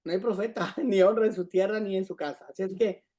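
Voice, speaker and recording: A Bible study teacher explaining scripture, repeating points and often checking in with a quick "right?". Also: medium pitch, steady tone, warm tone. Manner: repetitive, checks in with "¿sí?".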